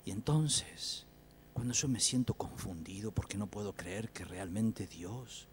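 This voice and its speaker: A man, a priest, teaching guided prayer, who swings from loud exclamations to hushed whispers and acts out scripture quotes. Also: lowish voice, measured pace, slight background noise. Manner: speaks intimately to listeners, acting out scripture quotes.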